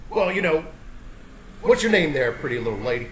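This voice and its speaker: A man plays a sly, drawling movie boss who flatters and reassures far too much, pitched a touch high. The sound is roomy, with faint noise behind the voice, as on a video call. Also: a little fast. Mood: smooth flattering. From Austin, Texas, USA. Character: smooth-talking shady Texan movie boss, adult man. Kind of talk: improvised film-noir comedy scene.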